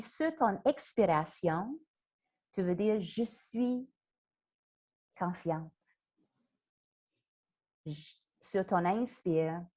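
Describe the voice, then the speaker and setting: Slow calm lady, coaching breathing and mantras. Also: medium pitch. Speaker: wellness coach. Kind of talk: guided mindfulness lesson.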